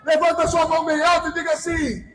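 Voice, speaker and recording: Fervent, shouting Brazilian male pastor. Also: extremely high pitch, flat delivery, fast talker, a faint crowd, poor audio. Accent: Brazilian Portuguese. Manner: fervent preaching, often shouting, leads the congregation in repeated declarations. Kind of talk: sermon. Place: large church sanctuary.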